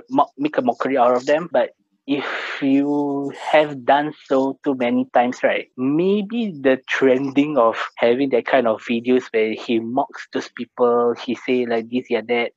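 Husky Singaporean man speaking Singlish. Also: medium pitch, dry recording, highs cut off. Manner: colloquial Singlish with particles like lah, lor, right. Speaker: podcast co-host. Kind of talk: casual podcast chat.

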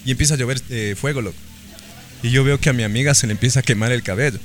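A man's voice: mid-range voice, very fast. A young man with an Ecuadorian accent, co-hosting a casual podcast chat, full of slang and tags like "loco". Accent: Ecuadorian Spanish. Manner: slangy, peppers lines with "loco". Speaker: podcast co-host.

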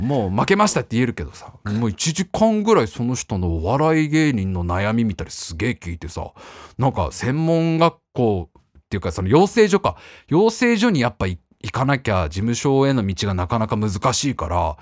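A man hosting a talk show, telling a story in a casual, animated way and laughing often as he talks. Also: medium pitch, moderate pace, no echo, studio quality. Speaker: radio show host.

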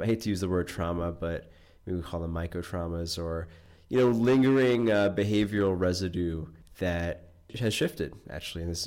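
A man's voice: sits low, darkish tone. A man from New York hosting a podcast, talking in a loose, rambling way with lots of fillers. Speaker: podcast host. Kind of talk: casual podcast conversation.

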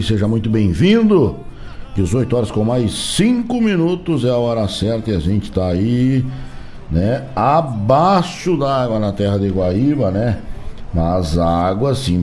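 A man's voice: mid-range voice, darkish tone. A man with a southern Brazilian gaúcho accent hosting live radio in a folksy, casual, colloquial way. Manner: folksy, colloquial, frequent tag questions. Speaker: radio host. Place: radio studio.

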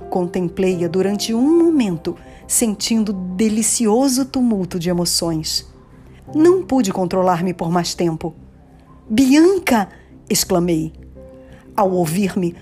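Slow expressive woman storyteller. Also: mid-range voice. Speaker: narrator. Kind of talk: dramatic reading of a romance novel.

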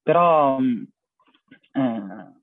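A young man speaks earnestly in an interview, pausing as he searches for words. His voice is husky, and it comes through a thin, phone-like connection with very little room sound. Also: medium pitch, expressive, no room sound. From half Syrian family. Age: young adult. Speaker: interviewee, charity cycling traveller. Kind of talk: reflective personal account in an interview.

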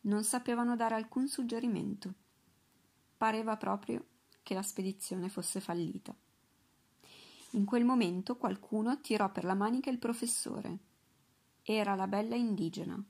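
A woman narrating an audiobook, lively storytelling with occasional slips. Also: mid-range voice, normal speed, vocal fry, pauses often. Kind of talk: audiobook reading.

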